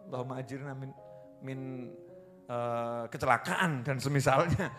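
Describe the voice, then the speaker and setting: A man preaching a humorous sermon to a live gathering, animated and rising to loud emphatic peaks. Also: medium pitch, moderate pace, soft background music. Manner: animated, rises to loud emphatic peaks, playful asides to audience.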